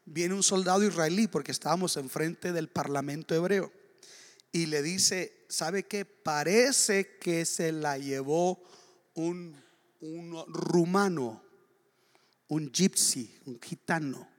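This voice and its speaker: A pastor man from Ecuador preaching a sermon, telling a story with bursts of excited exclamation. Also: on the high side, slow pace.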